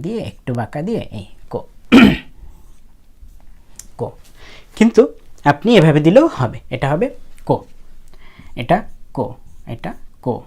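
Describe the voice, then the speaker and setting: A woman walks learners through writing characters stroke by stroke. She speaks casually, pausing to think aloud and chatting with her viewers. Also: sits low, darkish tone. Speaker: language teacher. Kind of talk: explaining how to write characters.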